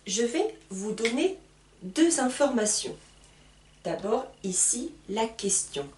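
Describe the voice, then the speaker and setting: A woman teaching beginners at a whiteboard, her voice rising and falling a lot as she stresses each word. She speaks very slowly and deliberately, spelling out sounds. The room is echoey and she is heard from some distance off the mic. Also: on the high side, animated, a little mellow, slight background noise. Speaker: French teacher. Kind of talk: slow beginner French lesson at a whiteboard.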